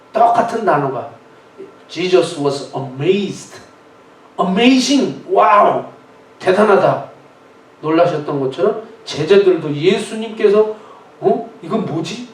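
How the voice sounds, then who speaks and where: Animated pastor preaching in an echoey church. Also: male voice, high-pitched. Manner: vivid, dramatizing storyteller. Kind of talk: sermon. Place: church sanctuary. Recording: echoey church hall, distant mic.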